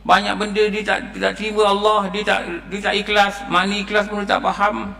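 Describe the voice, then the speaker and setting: A man's voice: sits high, monotone, brisk, creaky, pushed and bright. A man with a Malaysian Malay accent giving a dawn lecture at a mosque, telling stories and chanting Quranic verses. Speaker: preacher. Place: mosque hall. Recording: long reverb of a mosque hall.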